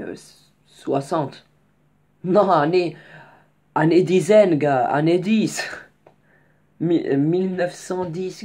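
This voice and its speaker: A man's voice: fairly high pitch, darkish tone. A young man casually telling a story in slangy, rambling speech with many restarts and asides. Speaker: vlogger.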